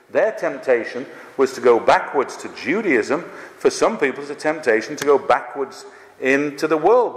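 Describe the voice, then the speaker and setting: Preacher in a reverberant church hall. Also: male voice, medium pitch. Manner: emphatic, asks the congregation rhetorical questions. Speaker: pastor. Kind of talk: sermon. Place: church meeting house.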